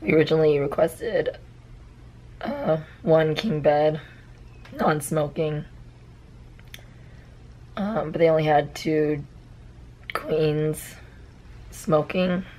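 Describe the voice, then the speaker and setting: Hoarse young woman vlogging, slow talk. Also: deep voice, dark tone, rough recording. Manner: laid-back, chatty. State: sick and hoarse, losing her voice. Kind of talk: casual vlog chat.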